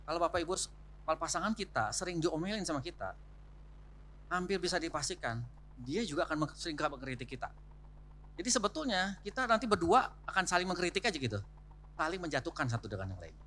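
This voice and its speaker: A man's voice: fairly high pitch, big pitch swings, fast talker, pushed and bright, slight background noise. A man giving a conversational church marriage seminar talk, addressing the couples with frequent rhetorical asides. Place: church hall.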